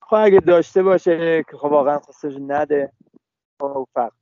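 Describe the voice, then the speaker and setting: A young man speaking over a phone line in an interview, talking haltingly with many restarts and fillers. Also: a little high, no echo. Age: young adult. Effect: heard over a phone line.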